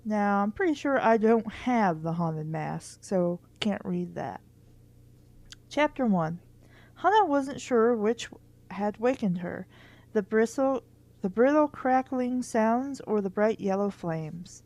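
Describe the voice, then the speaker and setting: A woman who hosts a book reading series reads a children's book aloud informally, sometimes stumbling over words and adding her own wry remarks. Her mid-range voice is animated and slow, with a darkish tone.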